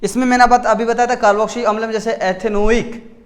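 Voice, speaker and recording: A man's voice: extremely high pitch, level tone, fairly quick. A man teaching a chemistry lesson in casual classroom talk, who asks a question and then answers it himself, repeats key words, and often corrects his own slips. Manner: frequent self-corrections.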